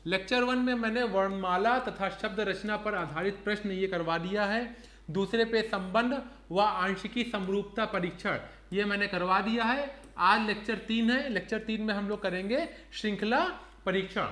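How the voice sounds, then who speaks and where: A man gives an online reasoning lesson. His voice sits high and he explains each step slowly and clearly. The recording has an echoey, roomy sound. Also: a bit bright. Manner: explains step by step, counting aloud, fillers like "theek hai". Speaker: reasoning teacher. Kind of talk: online exam-prep lecture.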